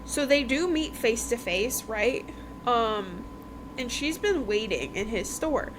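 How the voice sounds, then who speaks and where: Taking it slowly, a woman with an expressive, high-leaning voice retells the plot of a novel on her book review podcast. Her delivery is casual and chatty, with dialogue acted out in passing. Background noise is clearly audible.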